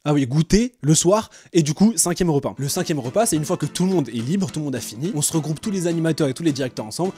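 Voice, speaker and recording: Fast-talking young man telling a funny story. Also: faint music behind. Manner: animated, swings between loud bursts and low asides. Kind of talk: comic storytime monologue.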